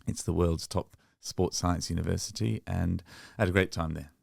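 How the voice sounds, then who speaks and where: A middle-aged sports science professor, born in Bangladesh and raised in England, appears as a guest in a relaxed interview, telling his story calmly and warmly at a normal, even pace. His very low voice has a strong gravelly fry, and the recording sounds dry and close.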